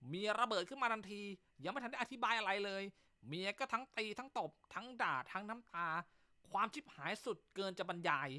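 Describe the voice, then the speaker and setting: Comic male host, crude teasing banter, bright tone, animated delivery. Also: sits high, a little fast. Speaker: comedy show host. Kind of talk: casual joke-telling chat.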